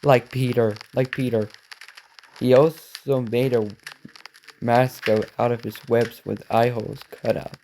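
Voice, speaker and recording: Mellow man reading a story with asides. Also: mid-range voice, little pitch movement, slight background noise. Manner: reads haltingly, corrects himself and cuts in with quick asides. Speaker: reaction video host. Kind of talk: reading a story aloud with reactions.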